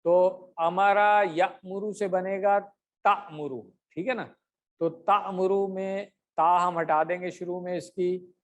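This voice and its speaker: A man teaching an online grammar class, speaking patiently, pausing often with fillers and stretching out drill words slowly. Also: high voice, steady tone. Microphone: computer mic on a video call with camera off.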